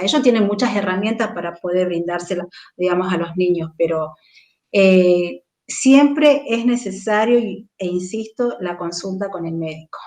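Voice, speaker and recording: A speech therapist with an Argentine Spanish accent explains things patiently in an interview, frequently checking in with listeners and tagging her points with "¿sí?". Her voice is on the low side with a darkish tone, and the room is echoey.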